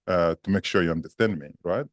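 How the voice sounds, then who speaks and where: A guest lecturer from the Democratic Republic of Congo, a native French speaker with a French accent, gives a seminar with slow, emphatic listing in a big voice. His voice is deep, recorded dry with clean studio sound.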